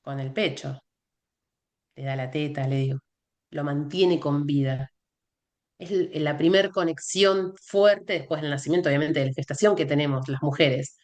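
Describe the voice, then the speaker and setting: Argentine woman telling a lively story. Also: sits low, normal speed. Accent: Argentine Spanish. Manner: animated anecdote-telling, acts out quoted dialogue. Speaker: guest, functional biochemist. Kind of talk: casual conversation, storytelling.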